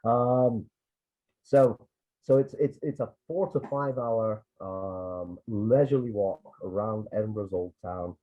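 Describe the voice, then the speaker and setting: He takes it slowly, his voice on the low side: a Scottish tour guide and photographer from Edinburgh telling casual stories over a video call. His talk rambles with many restarts and asides, and the recording has a tinny, phone-like quality.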